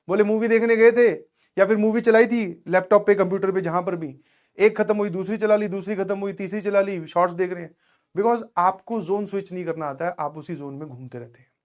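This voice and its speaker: A man in his thirties, a coaching teacher, telling students a story in an animated, direct classroom talk, often checking that they follow. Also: high-pitched, a little fast. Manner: animated storytelling, addresses students directly with frequent "samajh mein aaya?".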